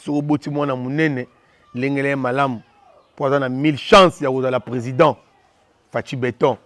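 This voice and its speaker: A Congolese man offers passionate, fast-paced opinion commentary, repeating himself as he switches between French and Lingala. His medium-pitched voice has fairly even intonation and a slightly bright quality, with no room sound.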